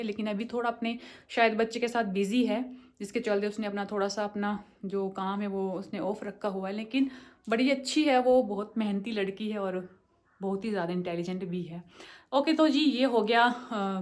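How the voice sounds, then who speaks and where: Chatty woman vlogger on a home tour. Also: mid-range voice. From Himachal Pradesh, India. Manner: chatty, walking and showing rooms. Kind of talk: casual home tour vlog. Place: house and rooftop in a hill village.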